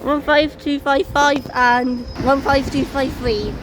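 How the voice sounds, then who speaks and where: A transport enthusiast is vlogging outside on her handheld phone near streets and bus stops, chatting casually as she eagerly reads off bus fleet numbers and number plates. Her voice sits high and her pace is slow. The noisy phone recording picks up traffic and street sounds.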